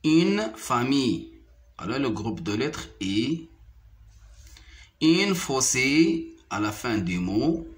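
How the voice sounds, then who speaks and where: A man with a Moroccan accent teaching a French phonics lesson, repeating each word slowly and carefully. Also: mid-range voice, very animated. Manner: slow, deliberate syllable-by-syllable repetition. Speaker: primary school French teacher.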